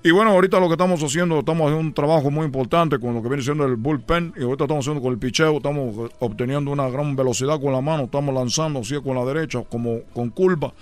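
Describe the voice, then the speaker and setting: A man's voice: mid-range voice, rapid-fire, few pauses. A man doing a rambling comedic bit, stammering and laughing at his own jokes. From Cuba. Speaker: comedy podcast host doing a parody ballplayer character.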